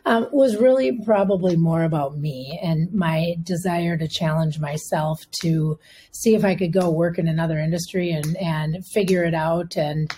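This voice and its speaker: A woman's voice: deep voice, moderate pace, warm tone, a little hiss or hum. A woman in her fifties with a Minnesota accent, a healthcare executive answering podcast interview questions conversationally, with frequent restarts and fillers.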